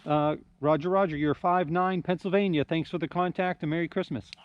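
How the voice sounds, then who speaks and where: A man outdoors in the cold making a ham radio call, slowly spelling phonetic call signs and giving signal reports. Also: fairly high pitch, steady tone, muffled recording. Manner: slow, deliberate phonetic spelling. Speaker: ham radio operator and video host. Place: outdoors in a park in winter.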